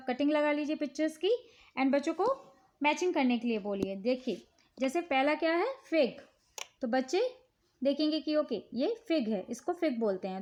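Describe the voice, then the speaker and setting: A woman with an Indian accent and a high, light voice walks through a children's worksheet. She talks slowly and patiently, checking in with the listener again and again. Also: a little mellow. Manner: slow, patient, repeats "ठीक है" often. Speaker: teacher showing worksheets. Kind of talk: casual instructional talk.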